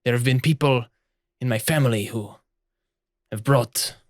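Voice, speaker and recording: A man's voice: medium pitch, unhurried, dry recording, studio quality, natural voice. A man voicing a proud, honor-obsessed woman naval officer in a put-on Spanish accent, earnestly lecturing. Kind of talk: improvised tabletop role-play.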